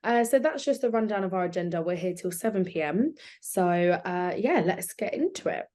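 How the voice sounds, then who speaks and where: A woman's voice: on the low side, lively intonation, moderate pace, a little mellow. A woman with a South London accent hosting a live online session in an informal, chatty way. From South London, England. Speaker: webinar host.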